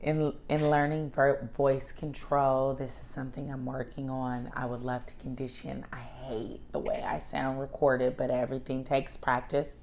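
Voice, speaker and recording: A woman's voice: rumbling low, level tone, moderate pace, few pauses, a little mellow, slight background noise. A wheezy-voiced woman co-hosting a casual podcast, speaking emphatically and repeating phrases in lists. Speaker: podcast co-host.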